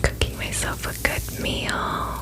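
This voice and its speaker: Slow whispered pep talk from a woman. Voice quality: whispering, breathy unvoiced voice. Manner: gentle, reassuring, slow and reflective. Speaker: ASMR host.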